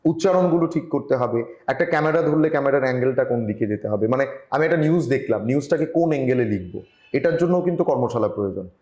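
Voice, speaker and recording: A man from Tripura, India, giving earnest advice as a journalist guest in an online interview, often pausing and restarting. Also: medium pitch, expressive, darkish tone, reverberant, dull audio. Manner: earnest, advising, with frequent hesitations. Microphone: video call.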